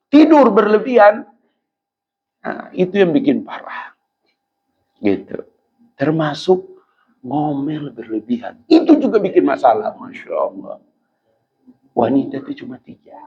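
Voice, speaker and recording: A man preaching a humorous religious lecture, teasing his audience and breaking into sudden loud outbursts. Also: on the high side, slightly rough, narrow, tinny audio. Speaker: Islamic preacher.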